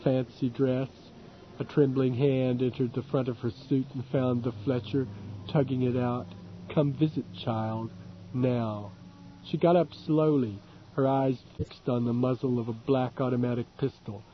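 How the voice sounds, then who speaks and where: A man reading an audiobook in a steady, measured narration. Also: medium pitch, a little hiss or hum. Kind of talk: scripted narration. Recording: dull lo-fi recording.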